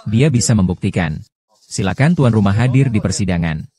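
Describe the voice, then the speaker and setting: A man narrating a dubbed drama recap, reading every character's lines in one even voice. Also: lowish voice, normal speed.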